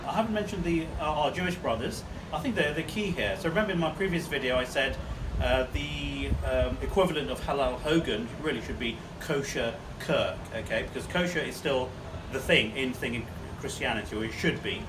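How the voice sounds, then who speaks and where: A man's voice: mid-range voice, brisk, hardly any pauses, far from the mic, background noise. A man from Bangladesh, talking to camera outdoors in a city in a rambling monologue full of fillers. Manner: rambling, hesitant, with many fillers. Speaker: vlogger giving commentary.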